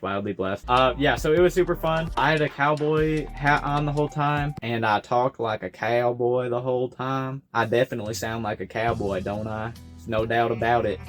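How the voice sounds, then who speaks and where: A young man talks straight to his camera from his bedroom, loose and rambling. He cracks goofy jokes at himself and keeps going off on tangents. Faint music sits low underneath. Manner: goofy, rambling, self-mocking asides. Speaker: vlogger. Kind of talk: casual year-recap vlog.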